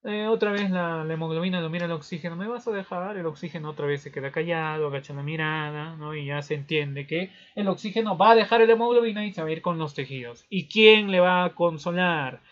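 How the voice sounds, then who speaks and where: A male teacher with a fairly high voice runs a physiology review at a brisk clip with few pauses, captured on a dull lo-fi recording. He explains through playful storytelling and leans on frequent tag questions.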